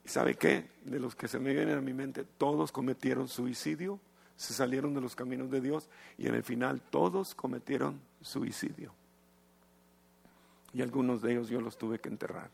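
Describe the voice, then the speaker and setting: A male pastor preaching an evangelistic sermon, swinging from hushed to shouted and slipping in English phrases. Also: medium pitch, fairly even intonation, moderate pace, creaky, breathy edge. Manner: mixes English phrases into his talk.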